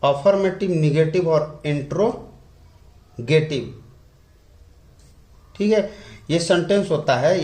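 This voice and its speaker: A man teaching English grammar in a lesson, repeating key words slowly and drawing them out. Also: on the high side, darkish tone. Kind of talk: explaining at a whiteboard. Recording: echoey room.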